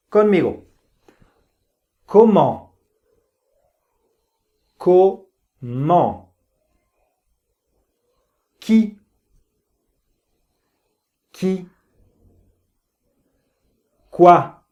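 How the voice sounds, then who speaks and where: A teacher giving an online language lesson, speaking carefully and modeling pronunciation for the viewer to repeat. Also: medium pitch. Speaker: French teacher.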